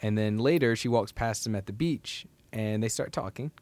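A man of twenty-three hosting a casual book discussion, retelling the plot with lively asides. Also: fairly low pitch, moderate pace, no room sound. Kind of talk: casual book-club chat.

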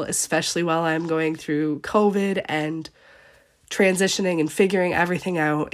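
A young woman from eastern Canada hosting a podcast, talking earnestly and at length, her voice sounding sick. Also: lowish voice. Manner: earnest, gushing, rambling. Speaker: podcast host. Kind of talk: heartfelt solo podcast farewell.

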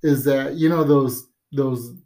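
A man's voice: medium pitch, fairly even intonation, slow, darkish tone. A man co-hosting a podcast in casual chat, rambling and joking, often trailing off mid-sentence. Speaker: podcast co-host.

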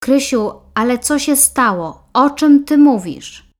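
A woman's voice: sits high, lively intonation, slow pace, pitched above the performer's own voice. A woman voicing an impatient grown son who brushes off worries dismissively.

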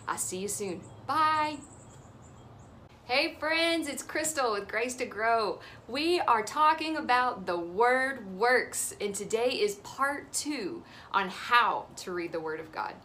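A woman's voice: a little high, expressive, unhurried, few pauses, pushed and bright, slight background noise. A woman in her thirties giving an earnest, encouraging devotional teaching as host of her ministry show.

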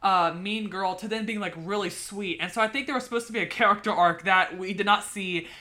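A woman co-hosting a podcast chats casually in a mid-range voice, talking fairly quickly with a sharp tone. She rambles, using plenty of fillers and restarting her thoughts.

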